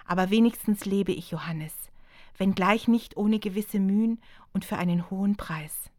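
A woman reading as an embittered young mother from a historical audiobook, bitter and sharp-tongued. Her words come hard and raised, close and dry with no room around them. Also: medium pitch, moderate pace, no echo, close to an everyday voice.

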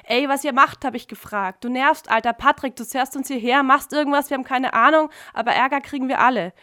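A woman reading aloud, voicing a drunk young man who shouts in exasperation. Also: a little high, fairly quick, dry recording, clean studio sound, natural voice. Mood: angry, loud. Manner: loud, exasperated.

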